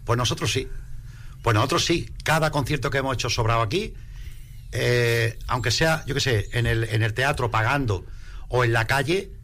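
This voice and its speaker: A man, a rumba singer, chatting in a radio interview in an animated, emphatic way. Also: mid-range voice, moderate pace. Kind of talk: casual interview chat.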